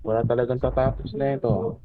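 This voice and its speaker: A man's voice: medium pitch, level tone, noisy background. Young man coaching a teammate, lo-fi. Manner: quick, directive, coaching the other player. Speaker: gaming partner. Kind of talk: casual co-op gameplay chat.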